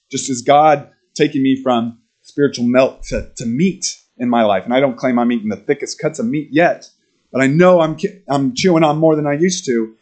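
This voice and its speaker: A male pastor preaching a sermon in a conversational, animated way, acting out quoted lines and laughing between points. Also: medium pitch. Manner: animated, acts out quotes in character voices.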